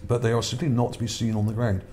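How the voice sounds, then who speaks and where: Over a little hiss or hum, a man with a mid-range, slightly mellow voice speaks fast and flat. He's a channel host whose voice is wearing out, rambling through his article over images, repeating words and asking "okay?"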